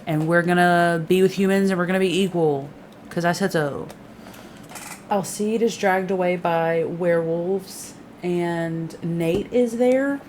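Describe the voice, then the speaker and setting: A young woman with a slightly low voice breezes through a TV season recap, dropping swear words and sarcastic asides. She slips into quick imitations of the characters, with a faint hiss of ambience behind her. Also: a little mellow. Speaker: recap vlogger. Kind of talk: casual, profane TV recap.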